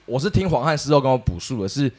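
A man telling a story as a podcast co-host, animated and acting out the people in it. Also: mid-range voice, quick pace, a loud crowd. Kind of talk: casual storytelling chat.

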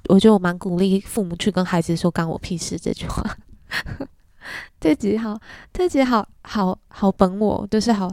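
A woman's voice: medium pitch, a little mellow, no echo, studio quality. A young woman with a Taiwanese Mandarin accent hosting a podcast, telling stories in a chatty, laughing way. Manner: chatty storytelling, frequent self-mocking laughs. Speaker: podcast host. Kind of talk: casual monologue.

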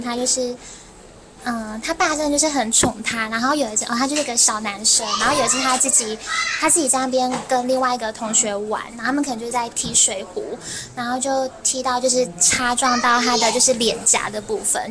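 A woman, a former cram-school teacher, telling animated stories on a podcast and laughing often. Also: poor audio. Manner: animated, laughs often, acts out quotes in a shrill voice. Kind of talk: casual podcast storytelling.

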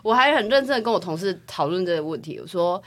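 A young woman from Taiwan, co-hosting a casual podcast chat and telling personal stories in a chatty, animated way. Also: on the low side, fast talker. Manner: chatty, animated storytelling with rising excitement. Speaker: podcast co-host.

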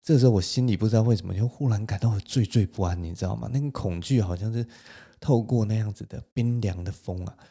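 Low mellow Taiwanese Mandarin man. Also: quick pace, husky. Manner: animated, laughs between lines. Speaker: podcast host. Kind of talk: solo storytelling.

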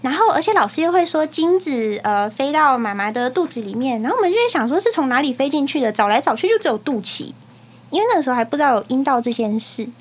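A woman's voice: sits high, big pitch swings, fast. A young woman with a Taiwanese Mandarin accent, co-hosting a podcast and telling stories frankly in casual chat. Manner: frank, storytelling. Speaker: podcast co-host.

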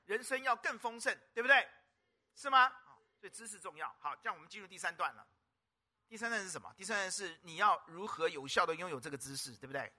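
Animated male pastor. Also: sits high, fast. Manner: keeps calling out to the congregation with rhetorical questions. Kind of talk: lively sermon. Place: church service.

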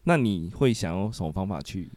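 A man's voice: low voice, lively intonation, fairly quick, a little mellow, no room sound, clean studio sound. A man hosting a podcast, chatting casually and asking lots of follow-up questions. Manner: curious, asks many follow-up questions. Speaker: podcast host. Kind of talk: casual interview chat.

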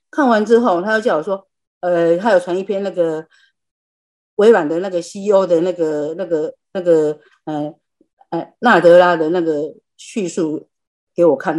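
Woman, mellow, fairly low voice, chatty storytelling, video call. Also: normal speed. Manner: chatty, storytelling, self-deprecating. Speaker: lay practitioner sharing. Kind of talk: personal testimony in a group class.

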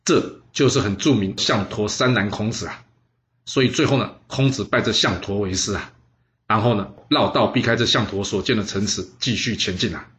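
A man's voice: on the low side, normal speed, a bit bright. A man telling history stories for an audiobook, chatty and playful, often asking listeners questions. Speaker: storyteller.

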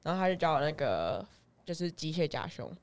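A woman's voice: deep voice, brisk. A woman with a Taiwanese Mandarin accent, hosting a casual podcast and telling stories with frequent giggles. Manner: giggly, lively storyteller. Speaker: podcast host. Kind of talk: casual chat.

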